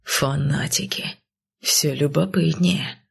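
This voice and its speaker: A man's voice: on the high side, a little slow, creaky, fairly bright tone, husky, full character voice. A woman voicing a blunt, demanding northern conqueror who barks curt orders. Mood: mocking. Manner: barking, curt.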